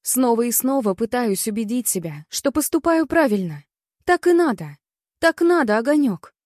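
Higher-pitched woman reading fiction. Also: a little mellow, no echo, clean studio sound. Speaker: audiobook narrator. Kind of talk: first-person fiction narration.

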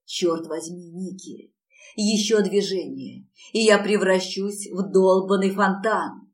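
A woman reading the lines of a desperate young male lover, hoarse and breathless as he pleads. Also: medium pitch, slow pace, recorded from a distance, close to an everyday voice.

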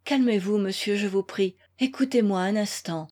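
A woman's voice: mid-range voice, normal speed, darkish tone, close to an everyday voice. A woman reading a composed young woman who coolly and formally turns down a suitor. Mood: cold. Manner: cool, formal, restrained.

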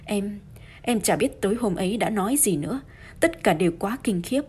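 A woman's voice: medium pitch, expressive, moderate pace, a little mellow, slight background noise, natural voice. A woman doing a flustered pleading young wife.

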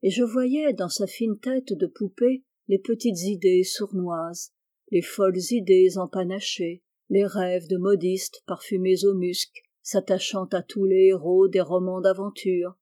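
A woman narrating a classic short story as an audiobook, measured and expressive. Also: mid-range voice, dry recording, studio quality.

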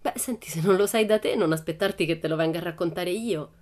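A woman voicing a cheeky, boastful young girl with a brash, excitable manner, in a storybook reading. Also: quick pace, natural voice. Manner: brash, excitable, high and lively.

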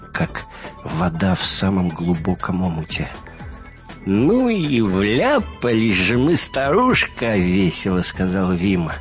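A man reading an audiobook in steady, measured storytelling narration. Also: sits low. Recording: muffled recording with soft music.

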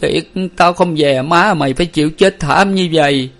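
A man's voice: fairly high pitch, normal speed, pitched above the performer's own voice. A man doing a choked, grieving old father. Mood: mournful lament. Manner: choked, lamenting, rambling. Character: grief-stricken older father, dazed and lamenting.

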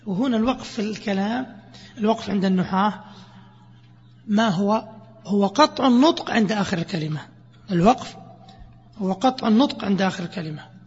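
Guy teaching grammar, high-ish voice, asks then answers his own questions, echoey muffled hall recording. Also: breathy edge. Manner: asks questions and answers them himself, repeating examples slowly. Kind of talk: classroom explanation of grammar. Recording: echoey, dull lo-fi lesson recording.

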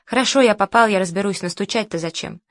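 A woman's voice: medium pitch, fast, no echo, close to an everyday voice. Woman voicing wry stubborn man, blunt, mocking, dry close sound. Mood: defiant.

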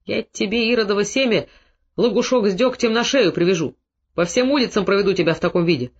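A man's voice: high voice, quick pace. A man doing a blunt, earnest village father. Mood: scolding. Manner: forthright, earnest. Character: older Cossack father, blunt and remorseful. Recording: dull lo-fi recording.

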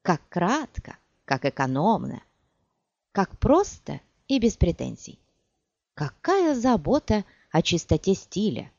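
A woman voicing a proud, scornful sorceress who speaks in a sharp, biting, mocking way, in an audiobook. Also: medium pitch, big pitch swings, slow, no echo, pitched above the performer's own voice, full character voice. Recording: dull dry recording.

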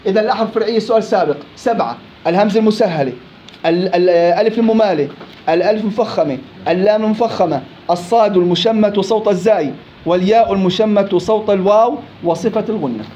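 High-voiced teacher drilling recitation. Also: male voice, dark tone. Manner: demonstrates words slowly, repeating them and asking the class questions. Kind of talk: tajweed lesson. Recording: dull lo-fi with faint background noise.

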